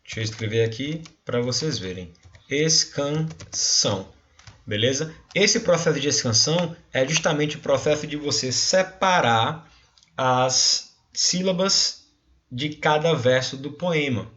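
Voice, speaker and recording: A man's voice: a little high, a little slow, a bit bright, dull audio, a little hiss or hum. A male teacher with a Brazilian Portuguese accent, explaining a recorded class and often checking in with his students. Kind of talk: recorded remote class lesson.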